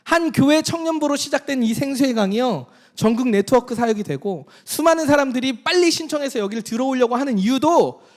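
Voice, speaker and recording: A middle-aged male pastor preaching a sermon, dropping to hushed, near-whispered lines and then rising to emphatic preaching. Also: very high-pitched, expressive, a little fast, few pauses. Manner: acts out quoted voices in his own voice.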